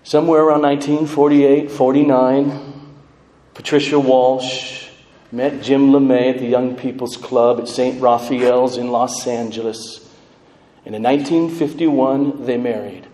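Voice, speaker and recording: A middle-aged American man giving a tender eulogy for his mother, speaking in a measured, halting way with pauses. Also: medium pitch, fairly even intonation, warm tone. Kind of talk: eulogy speech at a memorial service. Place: large echoing room at a funeral service. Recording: echoey hall, faint background noise.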